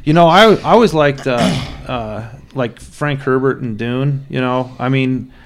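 A man's voice: mid-range voice, unhurried, slight background noise. A man co-hosting a podcast in casual chat, rambling with many restarts and casual swearing. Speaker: podcast co-host.

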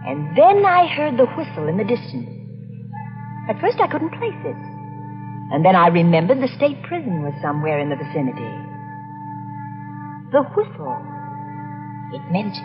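A woman's voice: medium pitch, wildly swooping pitch, moderate pace, long pauses. A woman playing a nervous young woman driving alone at night, narrating and speaking in tense 1940s radio drama style. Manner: tense, breathless, first-person narration. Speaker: lead actress and narrator. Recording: dull old radio recording with music.

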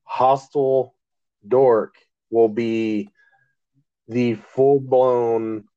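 A man co-hosting a casual podcast, talking at an easy, unhurried clip and laughing often. His voice sits in a middling register. The recording is dry and a little dull and lo-fi. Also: mid-range voice, steady tone, mellow, smooth, no echo. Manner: laid-back, laughs often, drawn-out phrasing. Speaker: podcast co-host. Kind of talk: casual chat. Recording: dull lo-fi sound.

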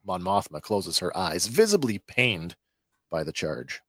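A man co-hosting a podcast, reading a scripted episode recap with lively stresses and then chatting casually. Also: low voice, measured pace, dry recording, clean studio sound. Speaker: podcast co-host.

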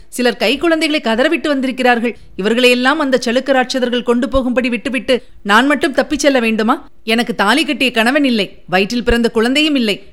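A proud young woman, torn by grief yet defiant, speaks bitterly and pleads. A woman narrator puts her on in a slightly high storybook voice. Her words stay low and grave. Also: fairly bright tone, lightly acted.

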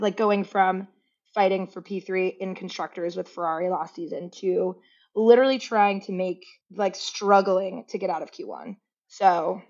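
A woman's voice: mid-range voice, dull audio. A woman co-hosting a podcast, chatting casually and with enthusiasm. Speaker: podcast co-host. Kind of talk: casual chat.

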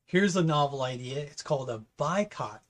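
A man's voice: fairly high pitch, expressive, moderate pace. A man in his fifties from California, co-hosting a casual opinion chat and bluntly repeating his points. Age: 50s. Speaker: podcast co-host.

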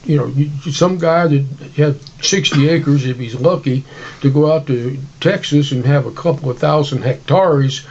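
Male co-host, higher-pitched, folksy and rambling, informal history chat, slightly muffled recording. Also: moderate pace, darkish tone. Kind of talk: casual history discussion.

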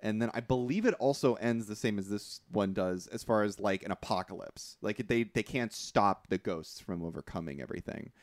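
A man co-hosting a podcast in easy casual chat, relaxed and swearing freely. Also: on the low side, normal speed, few pauses, no room sound, studio quality. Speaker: podcast co-host.

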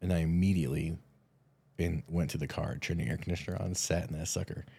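A podcast co-host, a man with a very low voice, tells easygoing stories full of restarts. He sounds tired after a red-eye flight. The recording is dry and close, with no room sound. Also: steady tone, quick pace, creaky, dark tone, husky, no room sound. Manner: laid-back storyteller, frequent restarts. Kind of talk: casual chat.

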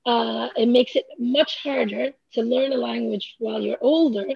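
In an interview, a female author and language researcher responds thoughtfully with frequent fillers and false starts. She speaks at normal speed with a high, gravelly voice and fairly even intonation, captured without echo in slightly dull lo-fi sound.

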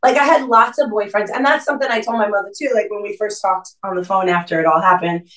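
A woman in her thirties with a New Jersey Italian-American accent, a podcast guest telling a story in an animated way and saying "like" a lot. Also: mid-range voice, quick pace, distant mic, poor audio. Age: 30s. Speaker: podcast guest, restaurant co-owner. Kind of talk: casual chat.

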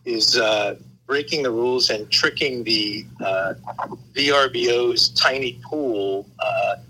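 Male caller, casual and unscripted, forceful bright tone, phone line with wind and ambient noise. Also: medium pitch, takes it slowly. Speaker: podcast regular calling in on vacation. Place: outdoors on a beach.

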